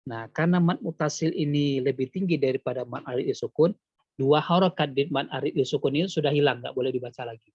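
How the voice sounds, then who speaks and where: A man's voice: medium pitch, fast talker, breathy edge, no room sound, dull audio. A man teaching Quran recitation rules one-on-one in an online lesson, patiently quizzing his student with repeated questions. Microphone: video call.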